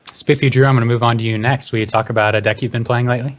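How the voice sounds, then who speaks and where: A man hosting a panel podcast, rattling through introductions at a quick clip. His voice sits mid-range, and he keeps things upbeat and moving. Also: medium pitch, steady tone, a little hiss or hum. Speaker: podcast host. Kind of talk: hosted panel discussion.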